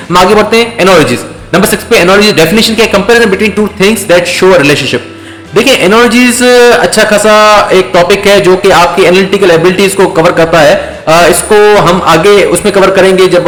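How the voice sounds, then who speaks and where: A man giving an English vocabulary lecture, explaining slowly with many fillers and check-ins. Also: high-pitched, fairly bright tone. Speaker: English teacher. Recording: echoey room with faint music.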